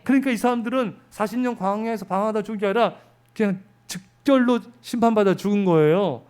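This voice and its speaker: A man's voice: high-pitched, quick pace, darkish tone, smooth. A man preaching a sermon as pastor, talking with his congregation and putting questions to them. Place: church sanctuary.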